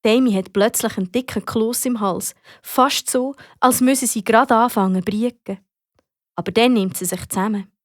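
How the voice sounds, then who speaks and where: A woman with a Swiss German accent narrating a children's audiobook in a lively, expressive way. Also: a little high, normal speed, no echo, clean studio sound. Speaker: storyteller.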